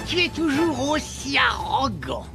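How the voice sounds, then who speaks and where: An actor playing a haughty, menacing fighter in a French anime dub, theatrical and taunting, with loud music underneath. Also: high-pitched, wildly swooping pitch, unhurried, creaky, full character voice. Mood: mocking.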